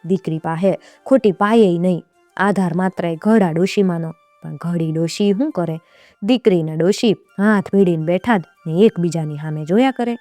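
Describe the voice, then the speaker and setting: Woman storyteller, expressive folk tale narration, dry close sound, faint music. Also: fairly low pitch, normal speed, no echo. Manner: expressive, rhythmic repetition.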